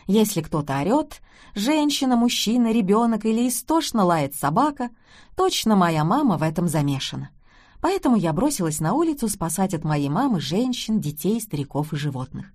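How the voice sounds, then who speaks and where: A woman's voice: medium pitch, sing-song, moderate pace, darkish tone. Woman narrating a wry family story.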